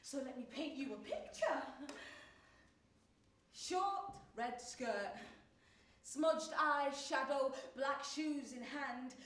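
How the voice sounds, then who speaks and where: A woman's voice: high-pitched, takes it slowly, fairly bright tone, recorded from a distance. A young woman acting in a stage monologue, playing a recent graduate in a wry, self-mocking and dramatic way, laughing between her lines. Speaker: stage actress performing a monologue. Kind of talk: theatrical monologue. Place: theatre stage. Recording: roomy theatre sound from afar.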